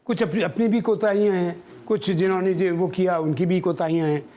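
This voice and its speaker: A man's voice: sits high, fairly even intonation, a little fast, warm tone. An older man, a former chief selector giving emphatic studio cricket analysis and dropping in English phrases.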